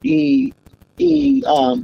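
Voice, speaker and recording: A man's voice: very high-pitched, flat delivery, drawn-out words, creaky, a little hiss or hum. A man calling in to a radio show, telling a long confessional story in a rambling way over a dull phone line. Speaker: caller.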